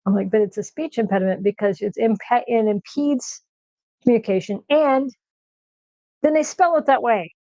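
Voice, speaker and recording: Fast-talking middle-aged American woman streamer. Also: a little high, no room sound, lo-fi sound. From United States. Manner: talks fast when excited, pauses to find words. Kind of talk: casual chat on a cooking stream. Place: home kitchen.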